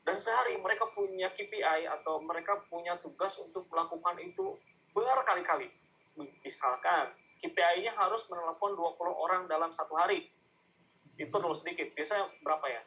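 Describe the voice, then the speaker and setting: A man's voice: high voice, a little fast, highs cut off. A man with an Indonesian accent giving a casual online marketing lesson, often asking his listeners questions and acting out sales calls. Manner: conversational, asks the audience questions, acts out sales calls. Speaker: digital marketing speaker. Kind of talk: online masterclass lecture.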